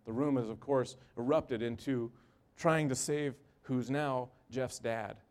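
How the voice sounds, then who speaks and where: An earnest man tells a personal story from his emergency room work at a middle pitch. He speaks in a halting way and repeats short phrases in a plain, level voice. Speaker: emergency room medical worker.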